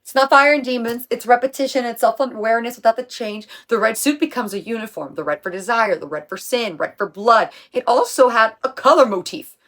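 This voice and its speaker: A woman's voice: a little high, fairly quick, hardly any pauses, a bit bright. A young woman talking casually through a video essay on music, chatty and emphatic, with slang and the odd swear. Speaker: music commentary creator.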